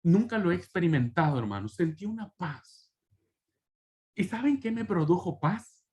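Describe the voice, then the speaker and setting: A man's voice: sits high, big pitch swings, normal speed, a little mellow. Earnest man giving an emotional testimony. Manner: earnest and emotional, often addressing listeners as brothers; frequent tag questions and restarts. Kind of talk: personal testimony in a class.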